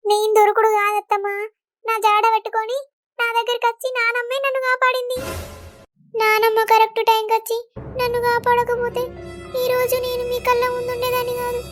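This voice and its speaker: A woman voicing a young pregnant village daughter-in-law in a cartoon, speaking gently. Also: extremely high pitch, monotone, a little fast, soft background music. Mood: gentle.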